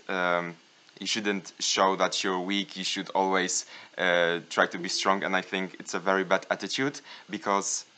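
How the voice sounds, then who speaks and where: A young man with a Polish accent co-hosts a casual podcast. His voice is deep, bright and clean in tone. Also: smooth. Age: young adult. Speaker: podcast co-host.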